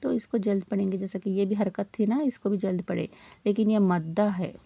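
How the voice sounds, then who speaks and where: A woman teaching Quran recitation in a patient step-by-step lesson, repeating each rule and pausing to ask her learners questions. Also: mid-range voice, fairly even intonation, gravelly, warm tone, breathy edge, dry recording, dull audio. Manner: slows down to model Arabic sounds.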